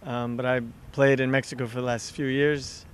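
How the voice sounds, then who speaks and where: A man's voice: mid-range voice, little pitch movement, normal speed, slight background noise. A man from Los Angeles, a soccer player, chatting casually and laughing often in an outdoor interview. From Los Angeles, California. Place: outdoors by a river.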